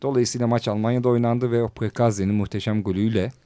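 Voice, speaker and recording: Male host, quick, animated and teasing, casual chat, close dry recording. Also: medium pitch, clean tone, no echo. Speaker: show host. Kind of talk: casual conversation.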